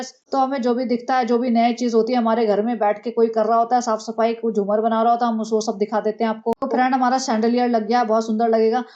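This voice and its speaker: A woman's voice: a little high, a little mellow, highs cut off. A woman giving sarcastic, mocking commentary as a vlogger.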